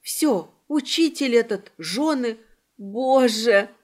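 A woman's voice: a little high, expressive, takes it slowly, a little mellow. A woman reading voicing a frightened, weeping young woman who pleads and sobs. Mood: fearful. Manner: sobbing, pleading, breathless fear.

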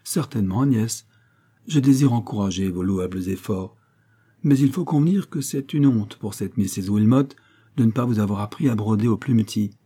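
Guy doing a snooty cheapskate aunt voice in an audiobook, bossy and preachy, jumps up high, low husky tone underneath. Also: normal speed, mellow. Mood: haughty. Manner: haughty and scolding, with sudden rises in pitch. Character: vain, stingy, pompous middle-aged widowed aunt.

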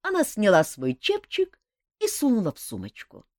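A woman narrating a fantasy audiobook in a lively, expressive reading. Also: mid-range voice, normal speed, no echo, clean studio sound.

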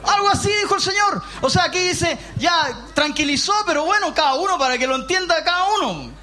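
A man with a Chilean accent preaching a lively sermon in a church hall, emphatic and often raising his voice, with joking asides. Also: very high voice, fairly quick, a faint crowd. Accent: Chilean Spanish. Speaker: pastor.

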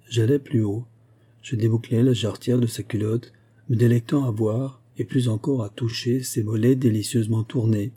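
A man reading a classic memoir aloud in a measured, elegant way. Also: mid-range voice, warm tone, husky. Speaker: audiobook reader. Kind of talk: scripted literary narration.

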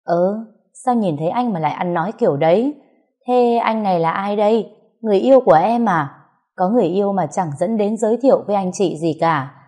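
A woman's voice: mid-range voice, brisk, warm tone, lightly acted. A woman voicing a scheming, coarse brother-in-law who taunts and mocks. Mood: mocking. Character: scheming loud-mouthed male brother-in-law, middle-aged.

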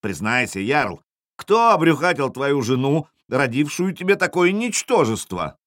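A man voicing a boastful viking chief who shouts insults at his enemy. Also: mid-range voice, very animated, unhurried, dry recording, clean studio sound, pitched above the performer's own voice. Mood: jeering shouts. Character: boastful mocking male viking chief, taunting.

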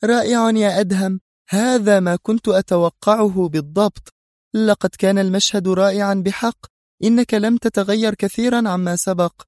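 A man's voice: high voice, steady tone, fairly quick, mellow, no echo, clean studio sound, voice pushed up. A man voicing a mocking, scheming female crime boss who laughs lightly as she taunts, in an audiobook reading. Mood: taunting.

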